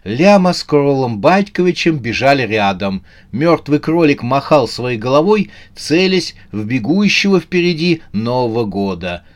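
A man narrating a humorous horror story in a lively, playful storytelling manner. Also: medium pitch, a little slow, hardly any pauses. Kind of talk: scripted audiobook narration.

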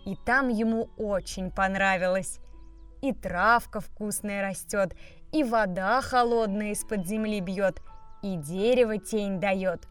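Slow, expressive woman reading a fairy tale. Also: medium pitch, clean tone. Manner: slow, expressive, bright character voices. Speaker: storyteller. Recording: faint background music.

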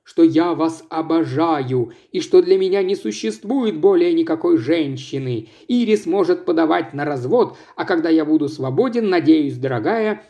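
A man's voice: fairly high pitch, warm tone. A man voicing an impulsive, lovesick husband who pleads ardently.

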